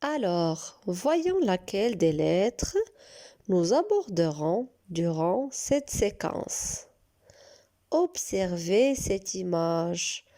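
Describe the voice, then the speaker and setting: Woman, preschool teacher, very slow, mellow, encouraging. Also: medium pitch. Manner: slow, drawn-out and encouraging, praising often. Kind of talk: recorded reading lesson for young children.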